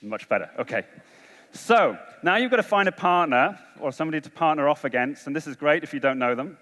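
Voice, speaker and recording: Energetic man on stage in a reverberant hall. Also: a little high, brisk. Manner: energetic, coaxing, rallying a large crowd. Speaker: conference speaker. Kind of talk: conference talk leading an audience game. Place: large conference hall.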